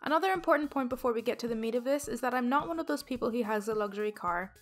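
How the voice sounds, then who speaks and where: A woman hosting a storytime channel, reading online posts aloud in a steady, even delivery. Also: a little high, rapid-fire, faint music behind.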